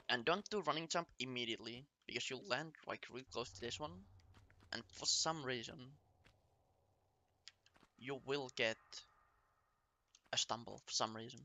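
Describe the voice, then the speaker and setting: A man's voice: medium pitch, gravelly, bright, forceful tone, slight background noise. A man speaking as a speedrunner, giving a casual route tutorial in short, step-by-step instructional phrases. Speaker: speedrunner explaining a game route to viewers.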